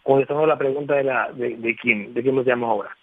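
A husky, mid-range male voice comes over the telephone as a guest on a radio show about communication. He talks quickly in a steady tone, explaining with emphasis and throwing frequent tag questions at the listener. The line is tinny and dry, without echo.

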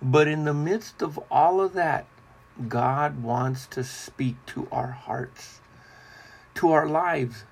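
A man preaching a devotional sermon in a slow, deliberate, repetitive cadence. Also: mid-range voice, vocal fry, darkish tone, husky.

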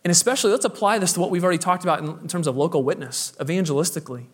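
A man's voice: high voice, very fast. A man pastor delivering a sermon with emphatic preaching, his voice swelling and dropping for effect, with the occasional hesitant filler.

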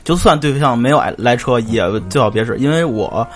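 A man co-hosting a casual car podcast, chiming in with quick agreement. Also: medium pitch, faint music behind. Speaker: podcast co-host. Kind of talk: casual chat.

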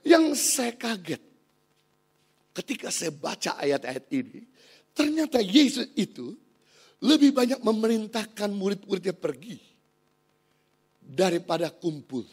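A middle-aged man from Indonesia preaching a sermon as pastor. He moves from a hushed storytelling voice to loud, emphatic preaching. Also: sits high, big pitch swings, unhurried, long pauses, husky.

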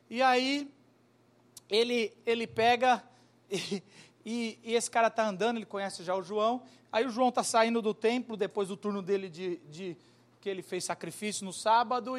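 Male pastor, high voice, animated storytelling preacher who acts out characters. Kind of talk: sermon.

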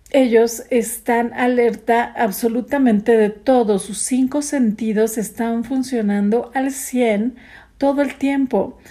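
A woman gives calm, reflective parenting advice and speaks straight to the listener. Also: a little high.

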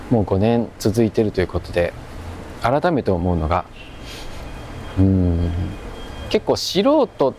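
Male amateur podcaster, lowish pitch, hushed and unhurried, casual monologue on a walk, clearly noisy outdoor sound. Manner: hushed, keeping voice low in quiet public surroundings. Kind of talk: casual solo podcast monologue recorded while strolling. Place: outdoors, walking through a park-like area. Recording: noisy outdoor recording with ambient hum.

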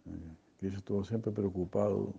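A man teaches a religious class, reading aloud and explaining in a slow, halting way full of fillers. His voice is very dark and gravelly. The recording sounds slightly dull and lo-fi. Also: deep voice, fairly even intonation. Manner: halting, with many fillers and soft chuckles. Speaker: spiritual teacher.

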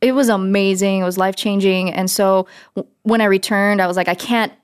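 A young woman from America talks casually as a podcast guest. Her medium-pitched voice is loose and conversational, full of fillers, restarts and laughter. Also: steady tone, brisk, clean tone. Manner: chatty, laughs often, many fillers.

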